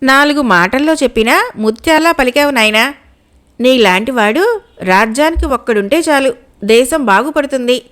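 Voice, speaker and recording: A motherly old village woman from an audio folk tale, voiced by a woman storyteller. She speaks warmly and pleadingly in a high voice, with little change from the narrator's own. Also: expressive, moderate pace. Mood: fond.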